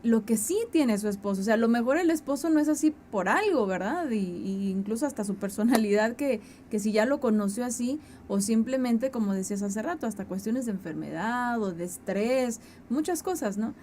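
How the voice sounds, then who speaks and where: A woman co-hosting a faith teaching program, speaking earnestly and acting out quick quoted asides. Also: fairly high pitch, animated, dark tone, a little hiss or hum. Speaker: co-host. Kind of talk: conversational teaching.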